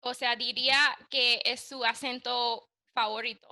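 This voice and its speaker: A woman's voice: fairly high pitch, flat delivery, unhurried, bright, forceful tone. A woman interviewing a guest, asking polite and formal questions with curiosity.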